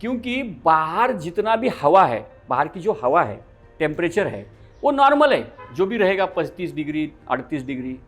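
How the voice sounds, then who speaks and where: Animated high-voiced man teaching yoga. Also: moderate pace, faint music behind. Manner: animated, asks the class questions and answers them himself. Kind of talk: lecture to a yoga class.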